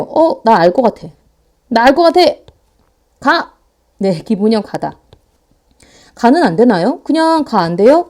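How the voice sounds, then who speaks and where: Playful, animated woman teaching grammar. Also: a little high. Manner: playful, animated, acts out student voices and mock outbursts; talks fast to save time. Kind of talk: online grammar lecture.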